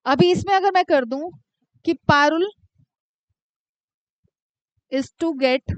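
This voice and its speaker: A woman teaching commerce to a class, dictating questions slowly and teasing students by name. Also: high-pitched, no echo, dull audio. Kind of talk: live classroom lecture.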